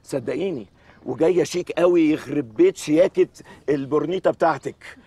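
A man's voice: fairly high pitch, a little fast, dark tone, husky. A man with an Egyptian accent, hosting a prank show, coaxing and soothing a frightened guest. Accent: Egyptian Arabic.

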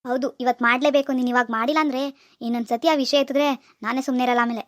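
A woman's voice: on the high side, steady tone, rapid-fire, no room sound, studio quality, close to an everyday voice. A woman voicing a cocky young village man in a cartoon, pushy and know-it-all. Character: cocky young man giving love advice. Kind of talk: cartoon dialogue.

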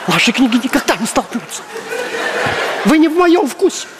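A man's voice: very high voice, very animated, moderate pace. A man playing a fussy, bossy middle-aged female librarian who scolds and shushes in a stage comedy sketch. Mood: coy, hushed. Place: large indoor theatre stage. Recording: noisy live theatre stage recording.

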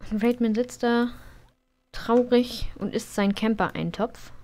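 A woman's voice: on the high side, fairly even intonation, unhurried, darkish tone. A woman streaming a life-simulation game, chatting casually, laughing and scolding her characters. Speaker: let's play streamer. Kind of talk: casual gameplay commentary.

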